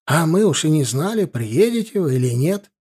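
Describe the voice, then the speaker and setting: A man's voice: a little high, big pitch swings, normal speed, a little mellow, breathy edge. A man playing a defensive, muttering village homeowner in his sixties, grumbling about his neighbours. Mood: flustered.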